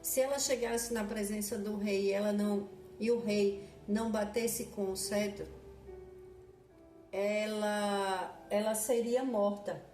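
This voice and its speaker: A woman preaching a devotional sermon in a slow, earnest, repetitive way, often restarting her phrases. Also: mid-range voice, steady tone, mellow. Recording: echoey room with faint music behind.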